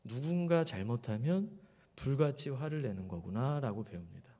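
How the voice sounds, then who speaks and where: A male pastor preaches a Sunday sermon with a mellow, dark tone. He keeps asking the congregation questions, drops into quiet low asides, then rises loud for emphasis. His voice rings with the long reverb of a big church hall. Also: animated, normal speed. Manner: addresses the congregation directly with rhetorical questions. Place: church sanctuary.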